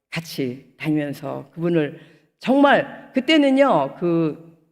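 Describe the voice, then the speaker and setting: A woman pastor in her sixties tells her testimony from the pulpit, her voice swinging widely up and down as she acts out each person in the story. She swells into fervent, emotional outbursts between stretches of plain telling. A long reverb from a big hall trails after every phrase. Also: fairly low pitch. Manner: animated storytelling, acting out quoted dialogue. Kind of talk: testimony sermon at a prayer retreat. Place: prayer retreat hall.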